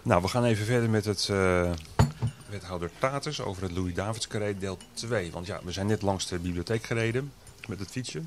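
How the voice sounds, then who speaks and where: A man's voice: lowish voice, brisk, very noisy. A man hosting a local radio show, chatting casually and leading the conversation. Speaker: radio host.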